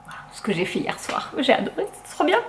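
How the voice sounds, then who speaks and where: A chatty young woman with a fairly high voice talks through her reading list in French. She fills her speech with fillers, trails off and restarts, in a casual, homey way. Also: very animated, quick pace, a little hiss or hum. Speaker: book vlogger. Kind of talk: casual chat.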